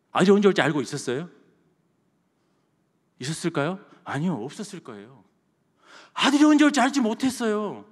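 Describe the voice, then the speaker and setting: A man's voice: a little high, slightly rough. A male pastor giving an impassioned sermon in a church sanctuary, repeating his phrases for emphasis. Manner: impassioned, repetitive preaching. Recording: long church hall reverb.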